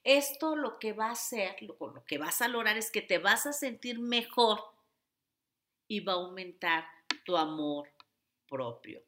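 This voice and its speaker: A woman's voice: mid-range voice, lively intonation, a little slow, bright, forceful tone. A woman self-help coach giving a motivational teaching talk, speaking expressively and straight to the listener.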